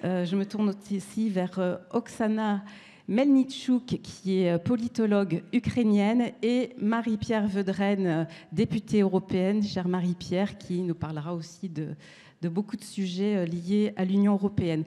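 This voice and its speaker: A woman's voice: medium pitch, normal speed, dark tone. A woman moderating a conference panel, introducing the guests with frequent hesitations. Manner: hesitant, many fillers. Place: large conference hall. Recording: reverberant hall sound.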